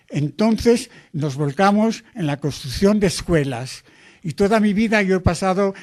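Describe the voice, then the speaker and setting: An older man, a missionary priest, explaining his work in an earnest, deliberate way during an interview. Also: a little high.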